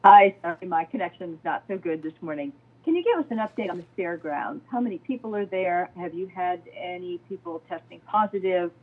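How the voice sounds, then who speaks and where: A woman reporter asking direct, rapid-fire questions at a press briefing, heard over a bad phone connection that sounds distant and breaks up. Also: fairly low pitch, expressive, slightly rough. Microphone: phone call. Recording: tinny phone line from far off.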